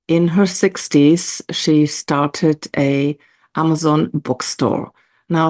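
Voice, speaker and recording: A woman's voice: low voice, darkish tone. A middle-aged woman, a planner designer and online entrepreneur, giving a casual, chatty product walkthrough to her camera, often using "you know" as a filler.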